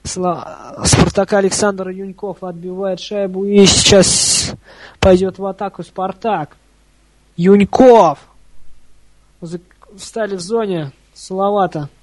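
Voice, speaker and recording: A man's voice: high voice, fairly even intonation, takes it slowly, dry recording, low-quality recording. A man giving informal live hockey play-by-play as an openly partisan, chatty fan of one side. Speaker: hockey commentator.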